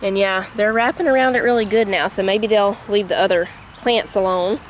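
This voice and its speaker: A woman's voice: medium pitch, fairly even intonation, moderate pace, a little hiss or hum. A woman with a Southern US accent, chatting homily through her garden and kitchen in a casual vlog, laughing easily as she goes. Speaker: home cook and gardener, channel host.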